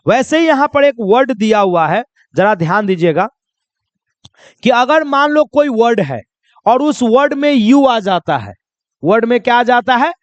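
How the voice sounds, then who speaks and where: A man's voice: very high voice, very animated, no room sound, muffled recording. A male pronunciation teacher giving a lesson, asking a question and then answering it himself, and repeating key points. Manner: spells words out slowly. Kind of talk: classroom lesson.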